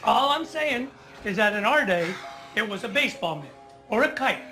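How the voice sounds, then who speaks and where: A man's voice: high voice, expressive, normal speed, pushed and bright, faint music behind, full character voice. An actor playing a wry, grumbling older man who works as a mall Santa, in a film. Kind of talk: film acting.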